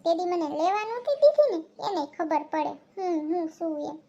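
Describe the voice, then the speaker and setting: A woman voicing a sly, flattering housewife who borrows money in a cartoon, with a Kathiawadi Gujarati accent. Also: very high voice, fairly quick, dull audio, exaggerated voice. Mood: wheedling. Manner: wheedling, flattering.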